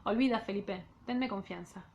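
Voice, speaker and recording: A woman's voice: medium pitch, normal speed, close to an everyday voice. A woman reading the part of a mysterious young woman aloud from a novel. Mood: pleading. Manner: read aloud softly from a novel.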